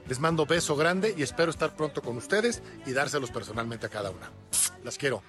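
A man's voice: medium pitch, animated, fairly quick, over music. A man sending a recorded greeting to the hosts with affection.

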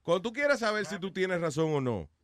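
A man hosting a casual chat, animated and laughing, mixing in English phrases. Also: sits high, brisk.

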